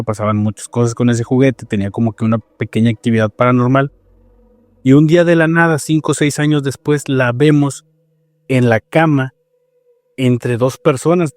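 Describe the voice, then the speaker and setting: A man with a Mexican accent telling paranormal stories in a casual podcast chat, animated and rambling with many restarts. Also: mid-range voice, dry recording.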